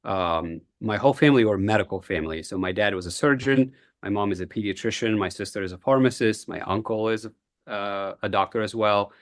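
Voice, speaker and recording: A man's voice: on the low side, a little fast, no echo, clean studio sound. A man from Egypt, a guest in a podcast interview, speaking earnestly and reflectively with frequent "uh" fillers. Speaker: guest, entrepreneur.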